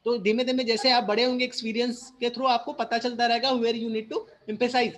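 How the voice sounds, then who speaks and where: Indian English teacher explaining patiently. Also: male voice, very high voice, flat delivery, fairly bright tone. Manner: switches between Hindi and English, slow and deliberate explanations. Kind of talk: bilingual classroom teaching. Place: school classroom.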